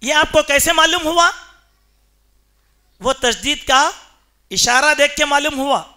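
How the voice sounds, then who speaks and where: A male preacher delivers a Friday sermon in a mosque. His voice sits very high and rings bright. He drives his points home emphatically and keeps firing rhetorical questions at the congregation.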